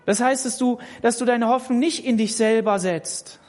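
An emphatic preacher delivers a sermon, addressing each listener personally and repeating words to press a point. The voice rings out with a long reverb from a large church hall. The pitch sits in a middle range. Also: moderate pace, darkish tone.

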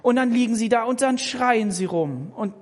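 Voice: mid-range voice, animated, normal speed. A preacher giving a sermon, speaking directly to each listener and repeating words to drive points home. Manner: emphatic, repeats words when pressing a point. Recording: long hall reverb.

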